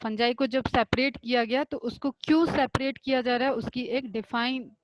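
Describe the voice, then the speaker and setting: A woman teaching a biology class who explains step by step, asks her own questions and answers them, and reads definitions out slowly. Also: fairly high pitch, steady tone, dry recording, rough recording. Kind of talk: online class lecture.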